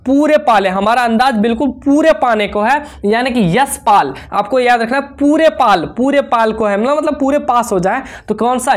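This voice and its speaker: A woman teacher, running an exam revision lesson. She keeps asking questions and answering them herself, repeating the key points. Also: a little high. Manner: repetitive, asks and answers own questions.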